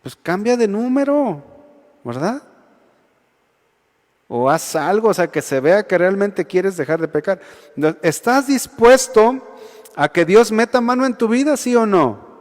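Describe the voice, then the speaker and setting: A Mexican man preaching to a youth congregation with a high, light voice. He talks conversationally and keeps checking that his listeners agree. His voice rings out with the long reverb of a big church hall. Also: very animated, unhurried, long pauses. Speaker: youth pastor. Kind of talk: sermon.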